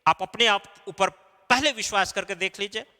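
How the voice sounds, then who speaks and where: Man, exam coaching teacher, very high pitch, recorded lecture, long hall reverb. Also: moderate pace, bright, forceful tone. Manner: explanatory, asks and answers own questions.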